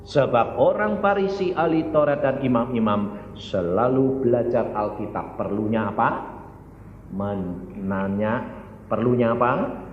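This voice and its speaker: A male evangelist preaching a sermon, often firing questions at the congregation and swinging between loud and soft. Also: medium pitch, measured pace, a little hiss or hum. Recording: echoey hall, dull lo-fi sound.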